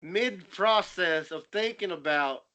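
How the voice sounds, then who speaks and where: A man's voice: high-pitched, animated, slow, bright, forceful tone. A young man co-hosting a podcast, rambling through stories in casual banter and laughing as he talks. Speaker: podcast co-host.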